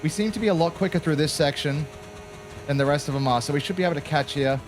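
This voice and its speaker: A man's voice: a little high, fast, over music. Chatty Australian man commentating a race game. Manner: chatty, jokey, peppered with "mate". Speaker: gaming channel host. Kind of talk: casual gameplay commentary.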